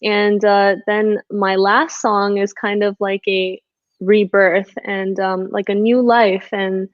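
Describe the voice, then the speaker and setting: A woman's voice: medium pitch, level tone, slow, no room sound, lo-fi sound. A woman guest chatting casually on a video call, giggling often and filling her talk with ums, her voice still in its morning state. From born and raised in the West. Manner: giggly, chatty, many fillers. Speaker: musical guest.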